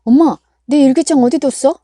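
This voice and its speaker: A woman voicing a petulant grade-school boy who shouts and whines at his mother. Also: mid-range voice, lively intonation, moderate pace, dry recording, clean studio sound, lightly acted. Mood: shouting.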